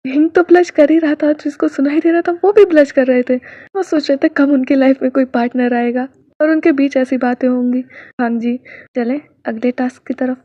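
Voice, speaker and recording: High-voiced woman telling a fan-fiction story. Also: fairly even intonation, normal speed, mellow, no room sound, highs cut off. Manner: chatty, addresses listeners directly. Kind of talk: reading fan fiction aloud.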